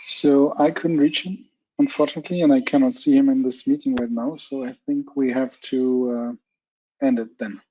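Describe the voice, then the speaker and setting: A man's voice: mid-range voice, fairly even intonation, normal speed, dark tone, slightly rough. A man organizing an online technical talk, giving formal, courteous closing remarks and thanks. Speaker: event organizer. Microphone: video call. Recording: slightly muffled call audio.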